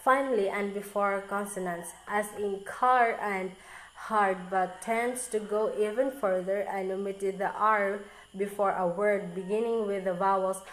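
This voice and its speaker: A woman reads her class presentation at an unhurried, deliberate pace, her voice ringing in a roomy, echoey space. She works through the material haltingly, stopping to restart on tricky words. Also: medium pitch, steady tone, slight background noise. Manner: halting, careful reading with frequent restarts on hard words. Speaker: student presenter. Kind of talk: reading a recorded class presentation.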